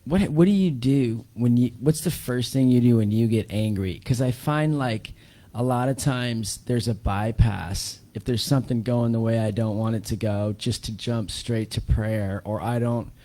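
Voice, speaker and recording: Guy in the audience asking a question, lots of "like" and "um", mellow voice. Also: mid-range voice, normal speed. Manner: hesitant, many fillers, searching for words.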